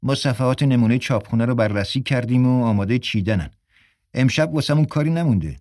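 A man's voice: medium pitch, animated, a little mellow, no room sound, lightly acted. A cocky, wisecracking editor, played by a man, tosses off lines in a breezy, joking way. The sound is close and dry, like a studio radio play. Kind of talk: radio drama acting.

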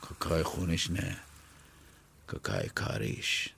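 A man voicing a tough, threatening male ex-boxer enforcer in a low, gruff voice for an audiobook. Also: sing-song, a bit bright, heavily acted. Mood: menacing. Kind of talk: audiobook character voice.

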